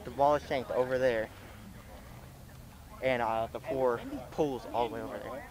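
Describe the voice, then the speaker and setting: A man with a medium-pitched voice puts casual questions to a coach. He is outdoors on a football field, a little way from the microphone. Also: steady tone, normal speed, a crowd in the background, rough recording.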